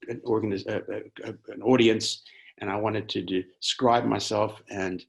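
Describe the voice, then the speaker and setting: A man with a gravelly, fry-laden voice that sits fairly low, answering questions in an online webinar. He is from Zimbabwe and talks in a hesitant way, stopping and restarting his sentences. It sounds like a video call. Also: fairly even intonation, a little slow, highs cut off. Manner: hesitant, many restarts and fillers. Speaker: webinar presenter.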